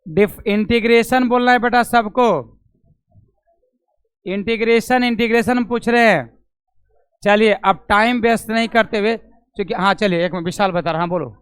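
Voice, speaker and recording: A man with a Bihari Hindi accent teaches a physics class, his voice high and smooth. He fires questions at the students, calls them by name and says each step twice. The sound is close and dry. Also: steady tone, moderate pace, long pauses, fairly bright tone, dry recording. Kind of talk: classroom lecture.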